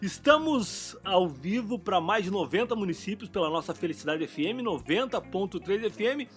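A man's voice: high voice, animated, moderate pace, faint music behind. A man hosting a live radio interview from a studio, upbeat and chummy, firing off friendly banter. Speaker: radio and podcast host.

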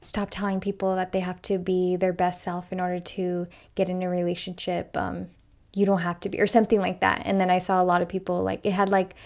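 A woman's voice: lowish voice, completely flat delivery, brisk, a little mellow. Chatty young woman co-hosting a podcast. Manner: chatty, lots of "like" fillers. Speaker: podcast co-host. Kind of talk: casual chat.

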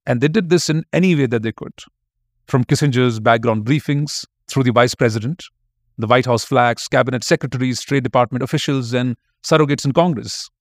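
A man's voice: mid-range voice, brisk, dry recording, studio quality. A man giving scripted narration as a history podcast narrator, reading out quotes in a storytelling tone.

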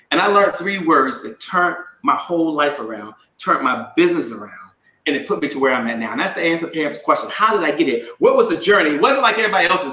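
A man's voice: fairly high pitch, sharp tone. A middle-aged man giving a motivational sales talk to a live audience, emphatic and drawing call-and-response from the crowd. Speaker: sales coach and speaker. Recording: echoey room.

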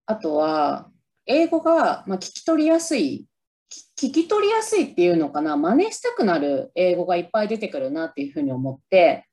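A Japanese woman chats briskly on her own podcast about a favorite film, occasionally trying out lines in English. Her lowish, dark-toned voice swoops wildly in pitch, and her mood is upbeat and conversational.

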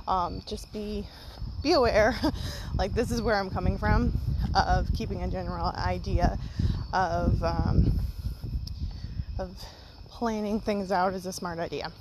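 A woman podcast host talking informally and off the cuff to her listeners while out walking at night with crickets chirping. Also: medium pitch. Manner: rambling, informal. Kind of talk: casual unscripted solo monologue to listeners. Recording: outdoor night ambience, crickets and wind. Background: chirping crickets, wind.

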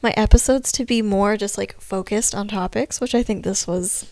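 A woman hosting a podcast, chatting in a relaxed, easygoing way. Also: medium pitch, moderate pace, dry recording. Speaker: podcast host. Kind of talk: casual podcast chat.

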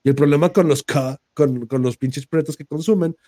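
A man's voice: a little high, moderate pace, mellow, no echo, clean studio sound. A man with a Mexican Spanish accent hosting a podcast, ranting in crude slang and slipping into mocking voices. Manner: crude, slang-heavy rant with mocking put-on quote voices. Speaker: podcast host. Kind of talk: casual podcast chat.

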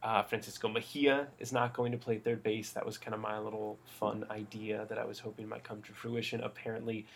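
A man with a gravelly, creaky voice, chatting casually as a podcast co-host. He talks in a loose, relaxed way, full of fillers and restarts. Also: on the low side. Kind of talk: casual sports chat.

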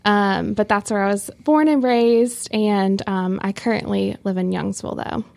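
A woman's voice: mid-range voice, steady tone, normal speed, creaky, darkish tone. A young woman from North Carolina, a health educator, answering interview questions in a friendly, explanatory way.

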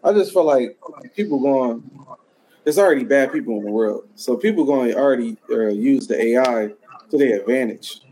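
A man's voice: mid-range voice, normal speed, dark tone, slightly rough, low-quality recording. A man co-hosting a podcast, musing in a laid-back, profane casual chat. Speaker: podcast co-host.

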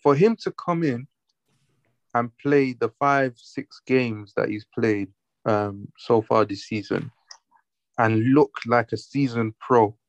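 Male, mid pitch, London roadman accent, emphatic slangy football chat, dry muffled sound. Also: slow, no echo.

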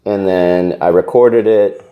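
A man who is a musician chatting casually as a guest, telling stories in a relaxed, rambling way with plenty of fillers. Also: deep voice, slow, lo-fi sound. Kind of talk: casual chat.

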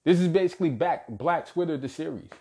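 A man's voice: a little high, fast, warm tone. A young man delivering a heated, profane commentary rant with emphatic repetition. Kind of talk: ranting commentary.

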